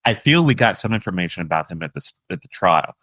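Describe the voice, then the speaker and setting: Male podcast co-host, very deep voice, dry close recording, deadpan humor. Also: quick pace, no echo. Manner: dry, wry asides. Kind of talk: casual chat.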